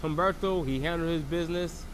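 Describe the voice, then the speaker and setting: The wrestling reviewer, still froggy from a cold, talks a little high and fairly quickly over background noise. His solo recap is loose and rambling, constantly broken by fillers and false starts.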